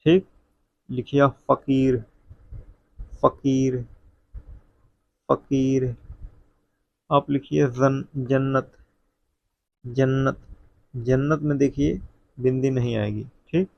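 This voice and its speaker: Man, Hindi teacher, very slow dictation, gravelly voice, dry dull lo-fi sound. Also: mid-range voice, level tone, darkish tone, no echo. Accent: North Indian Hindi. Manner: slow, repeats each word for dictation; addresses viewers as friend. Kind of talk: spelling dictation lesson.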